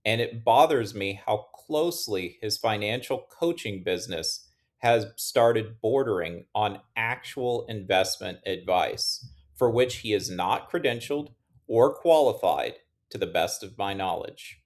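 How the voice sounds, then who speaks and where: A man hosting an investing channel, giving measured, critical finance commentary in a scripted style. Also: on the low side, animated.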